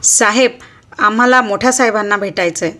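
A woman's voice: mid-range voice, brisk, pushed and bright, close to an everyday voice. A woman voicing a poor, timid widowed mother who pleads with the police.

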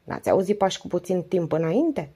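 Patient male police commissioner, short pointed questions, low husky voice, read by a woman. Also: expressive, warm tone. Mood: probing.

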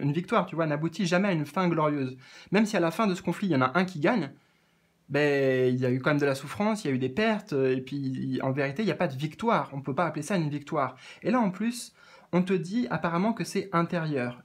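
Man, slightly high voice, oracle card reader, gentle, halting, repeats words, speaks directly to the listener. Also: slightly rough. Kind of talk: spiritual guidance reading.

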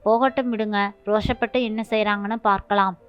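A contemptuous, haughty young wife, read by a woman storyteller, her tone cold and dismissive, on a dull lo-fi recording with soft music underneath. She sneers at her in-laws. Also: mid-range voice, fairly even intonation, brisk, clean tone, natural voice. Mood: scornful. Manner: scornful, contemptuous. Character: arrogant haughty young daughter-in-law.

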